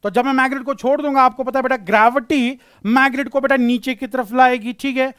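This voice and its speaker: A man's voice: very high-pitched, steady tone, a little fast, fairly bright tone, clear, resonant tone, no echo, studio quality. A male physics teacher giving a classroom lecture, explaining patiently, repeating key phrases and using terms.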